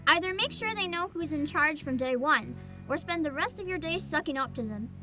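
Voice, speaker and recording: Animated, high-pitched woman streamer. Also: fairly quick, music in the background. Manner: animated, giggly. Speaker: streamer playing a story game. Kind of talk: casual game commentary and read-aloud narration.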